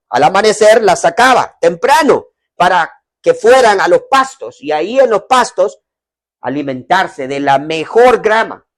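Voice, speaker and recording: A man preaching an evangelistic sermon in a family home, addressing online listeners, swinging from loud, slow lines down to hushed ones. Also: fairly high pitch. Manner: dynamic preaching, swells loud then drops to near whisper.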